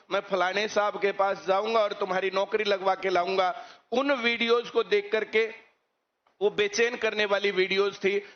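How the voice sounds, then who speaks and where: A man, a coaching teacher who lectures students on current issues and keeps asking rhetorical questions. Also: sits high. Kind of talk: speech to students. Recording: muffled lo-fi recording.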